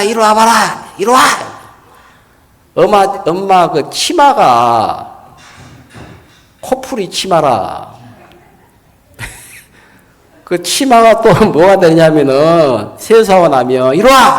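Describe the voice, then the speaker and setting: A man in his sixties, a pastor delivering a sermon in folksy storytelling style, asking the congregation rhetorical questions. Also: a little high. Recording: long reverb in a large hall.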